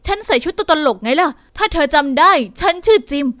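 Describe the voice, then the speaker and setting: A woman's voice: extremely high pitch, expressive, fairly quick, fairly bright tone, no room sound, clean studio sound. A woman voicing a kind, cheerful young man who works as a clown, speaking in a friendly, encouraging way.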